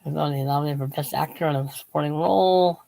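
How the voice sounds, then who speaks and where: A man's voice: fairly high pitch, fairly even intonation, fast, creaky, warm tone, no room sound, low-quality recording. A man who is losing his voice, talking casually and rambling about his books, restarting sentences and drifting off topic. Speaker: channel host. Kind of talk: casual rambling book talk.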